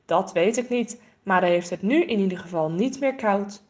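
A woman voicing a calm, thoughtful, handy father in a storybook reading. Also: mid-range voice, normal speed, natural voice.

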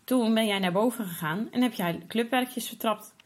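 A woman voicing a patient, firm mother who gently explains a lesson in a children's story. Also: a little high, normal speed, close to an everyday voice. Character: calm, patient, wise mother.

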